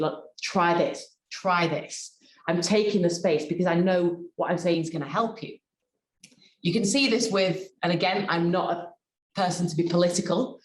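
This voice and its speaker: A woman, a personal development coach, giving a workshop presentation in an expressive, deliberate coaching tone. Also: fairly low pitch. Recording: roomy echo.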